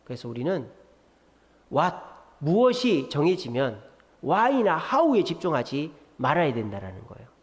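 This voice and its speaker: A man pastor preaching a Friday prayer-meeting sermon, lively and expressive, acting out quoted lines. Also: a little high, measured pace. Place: church sanctuary. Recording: reverberant church hall.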